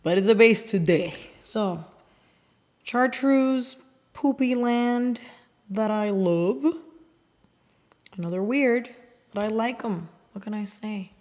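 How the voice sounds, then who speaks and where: A woman's voice: mid-range voice, slow, long pauses, a little mellow. A woman casually chatting as she swatches and compares nail polishes, swearing now and then and sometimes dropping to a whisper. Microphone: close mic.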